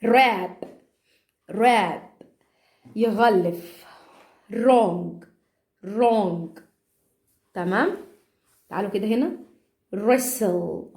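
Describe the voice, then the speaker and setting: A woman with an Egyptian accent teaching English phonics in a chatty way, repeating example words slowly. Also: on the high side, warm tone. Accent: Egyptian Arabic. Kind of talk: phonics lesson.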